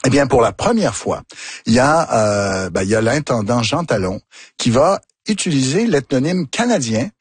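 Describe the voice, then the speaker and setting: A man, a historian guest on a radio show, explaining thoughtfully with pauses. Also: medium pitch, sing-song, husky, no echo. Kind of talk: radio interview. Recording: dry, close studio mic.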